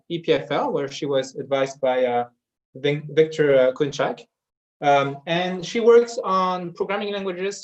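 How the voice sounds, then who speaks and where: A man hosting a workshop session over a video call, introducing the next speaker with many uhs and ums. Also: on the high side. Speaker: session host. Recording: dull lo-fi video call audio.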